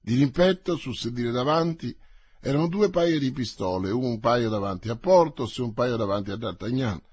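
A man narrating a novel aloud in a measured, theatrical way, as an audiobook reading for radio. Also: mid-range voice, expressive, darkish tone, slightly rough.

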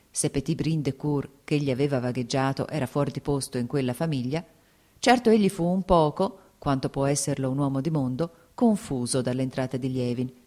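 A woman reading a classic novel aloud with measured, even narration. Her voice is low-pitched and mellow, and her delivery is unhurried and literary. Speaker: audiobook reader.

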